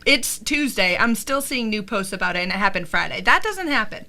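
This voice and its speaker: A woman's voice: mid-range voice, animated, a little fast, sharp tone. A woman co-hosting a podcast, playful and giggly, joking through casual chat. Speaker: podcast co-host.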